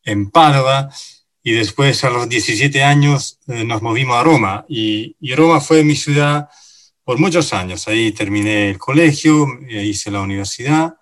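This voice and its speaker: With a mid-range, slightly bright voice, a middle-aged native Italian speaker with an Italian accent responds to a radio interviewer. He is a guest and finance director, and his answers come haltingly, filled with pauses and fillers.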